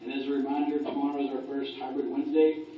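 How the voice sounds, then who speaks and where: A man making a staff announcement over a school intercom loudspeaker, in an even announcing manner. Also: mid-range voice, quick pace, far from the mic, a little hiss or hum. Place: classroom, heard through a wall speaker. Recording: echoey, muffled loudspeaker in a classroom.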